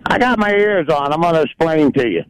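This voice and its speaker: A man's voice: a little high, lively intonation, fairly quick. A man who drives a truck, calling in to a radio show and talking in trucker CB radio lingo, folksy and explanatory. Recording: dull lo-fi phone line.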